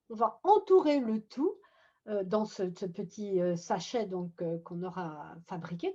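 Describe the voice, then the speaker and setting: A woman leading a group meditation on a video call, talking gently and unhurriedly, often restarting her phrases. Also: medium pitch. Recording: muffled video-call audio.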